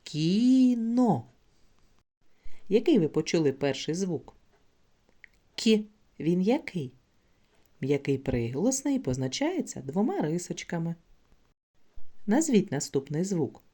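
A woman's voice: fairly low pitch, very animated, normal speed, mellow. A woman teaching a literacy lesson to young children, speaking patiently and drawing out sounds and words for them to repeat.

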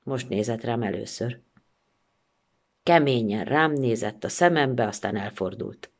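An actress reciting a first-person story theatrically, expressive and shifting between pleading and irony. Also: female voice, rumbling low.

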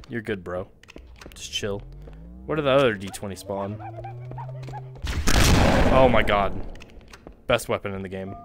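A man giving casual, slangy gameplay commentary as a streamer, excitable and prone to exclaiming in alarm and amazement. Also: on the low side. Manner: casual slangy talk, says dude and bro. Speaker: video game streamer. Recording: loud game music and gunfire behind. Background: game music, gunfire.

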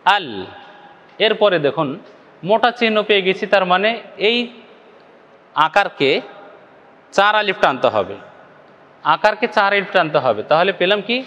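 A man with a high, light voice teaches recitation rules in a patient, methodical way. He talks to his viewers directly as he breaks each rule into small steps. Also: lively intonation, sharp tone, lo-fi sound. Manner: explains rules slowly, often addressing "dear viewers" and drawing out sample recitations. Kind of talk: step-by-step recitation lesson.

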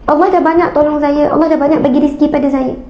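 A woman's voice: high-pitched, steady tone, quick pace, highs cut off, close to an everyday voice. A woman with a Malaysian Malay accent quoting a poor, devout, grateful young mother who speaks humbly and earnestly.

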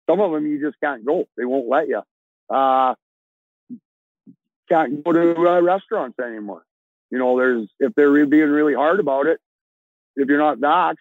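A man's voice: a little high, dry recording. A man in his sixties from Alberta, a trucker talking casually over a video call from inside his truck cab, plain-spoken and rambling with restarts. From Alberta, Canada. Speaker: trucker guest. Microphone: earbuds on a video call. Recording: dry, tinny video call audio.

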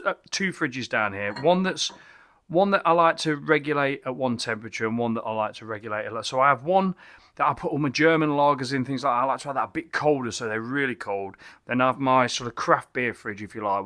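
Middle-aged man, bright tone, enthusiastic rambling beer review, small home bar, camera mic. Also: medium pitch. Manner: enthusiastic, rambling, many restarts and exclamations. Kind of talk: casual beer review vlog. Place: small home bar cabin with bottle shelves, indoors.

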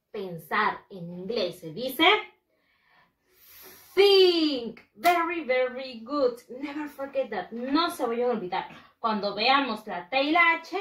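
Slow, emphatic woman teacher in a roomy space. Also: sits high, bright, forceful tone, recorded from a distance. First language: Spanish. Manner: slow, emphatic drilling of pronunciation, switching languages. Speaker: first-grade English teacher. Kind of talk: bilingual classroom lesson.

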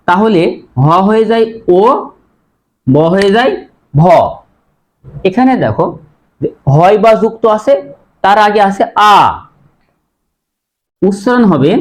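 A man with a high voice teaches pronunciation rules. He works through each example slowly, repeats the words and poses questions to his students as he goes. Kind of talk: Bengali pronunciation lesson.

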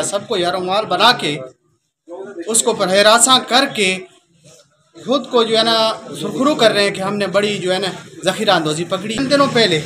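A man's voice: sits high, background noise. Indignant man speaking to the press outdoors. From Pakistan. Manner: indignant, forceful complaint to the press. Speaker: protesting farmer spokesman. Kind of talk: street interview statement. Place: outdoor market arcade with crowd.

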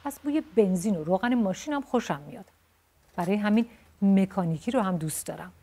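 A feisty little tomboy girl with a blunt, quick temper, put on by a woman reading a storybook. She speaks in a raised, mellow, slightly husky voice. She is chatty and lively. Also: medium pitch.

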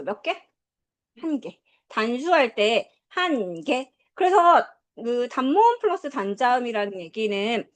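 Lively high-voiced woman teacher. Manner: lively, coaxing, asks questions and drills students. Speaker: English teacher. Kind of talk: classroom lesson. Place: classroom.

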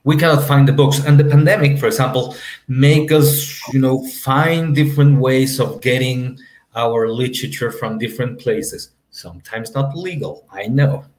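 Over an echoey webcam feed from his home, a man in his 30s moderates an academic panel in English. A native Spanish speaker from Mexico, he has a mid-pitched, slightly mellow voice at normal speed, and his talk meanders, full of fillers and repeated "you know"s.

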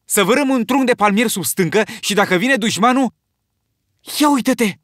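A man reading an audiobook, voicing an eager, excitable boy who talks loudly. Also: very high-pitched, no echo, clean studio sound, pitched above the performer's own voice. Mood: excited. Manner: excited and loud.

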